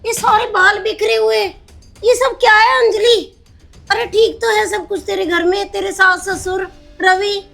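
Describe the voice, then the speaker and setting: A woman's voice: high voice, normal speed, fairly bright tone, faint music behind. A woman playing a stern but caring middle-aged mother in a family drama skit, scolding and then firmly reassuring. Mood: startled.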